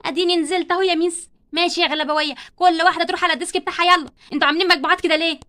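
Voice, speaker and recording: A bossy schoolteacher, voiced by a woman with an Egyptian accent, barking orders and scolding her class in a doll play story. The voice is pitched very high and delivered at a rapid clip. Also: fairly even intonation, pushed and bright. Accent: Egyptian Arabic. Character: strict loud female schoolteacher, sharp-tongued.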